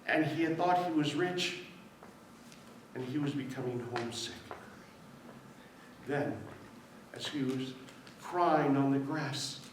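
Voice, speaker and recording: A man telling a story at a live event, expressive and drawn out. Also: medium pitch, takes it slowly, long pauses, noisy background. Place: event hall. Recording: echoey hall from far off.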